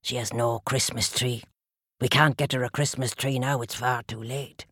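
A woman's voice: a bass voice, steady tone, a bit bright, slightly rough, no echo, studio quality, pitched below the performer's own voice, heavily acted. A woman voicing a sensible, good-natured male dog. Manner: plain, sensible and deliberate.

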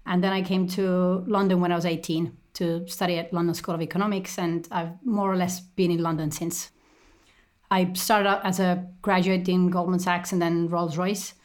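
A woman in her thirties, raised in Estonia, answers interview questions in a steady, articulate manner, pausing on small ums and repeated words. Her voice sits a little on the low side. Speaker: guest, company executive. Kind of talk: conversational interview.

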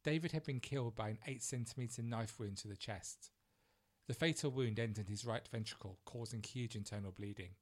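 A man narrating a true crime story in a measured, grave manner. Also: mid-range voice.

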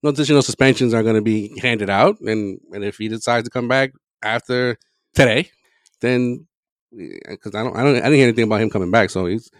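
A man hosting a casual sports talk show in an informal, halting way, often trailing off. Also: lowish voice, no echo, studio quality. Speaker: sports podcast host.

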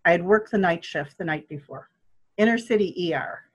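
An older woman telling a personal story in a casual, animated way, acting out quoted voices and laughing often. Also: on the low side, fairly quick, lo-fi sound. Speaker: guest telling her birth story.

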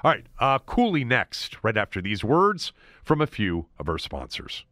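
A man with a low voice hosts a sports talk podcast, chatting loosely and restarting his sentences as he goes. His voice is wearing thin and he sounds like he is losing it. The sound is dry and close. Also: huge pitch swings, a little slow, fairly bright tone, no room sound. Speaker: podcast host.

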